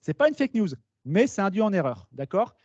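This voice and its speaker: A man giving a lively conference talk to students, explaining with asides and questions to the audience. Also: sits high, a little fast, dry recording. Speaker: speaker at a talk. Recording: dull, slightly lo-fi meeting recording.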